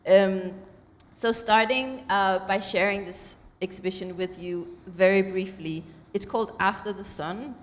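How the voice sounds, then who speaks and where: A woman's voice: medium pitch, measured pace. A woman curator introducing an art exhibition at a panel, speaking thoughtfully with many ums and uhs. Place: museum auditorium. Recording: long hall reverb in auditorium.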